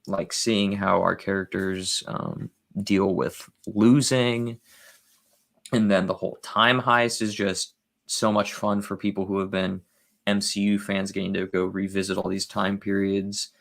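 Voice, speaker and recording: A man appearing as a guest movie reviewer in a casual chat, talking eagerly and excitably about films. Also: deep voice, unhurried, vocal fry.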